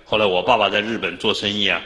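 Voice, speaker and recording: A man preaches a Buddhist dharma talk in a temple hall. His low voice is forceful and pointed, and he tells stories broken up with drawn-out interjections. A long reverb trails his words through the hall. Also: steady tone. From Taiwan. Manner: storytelling, with frequent drawn-out interjections. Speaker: Buddhist master.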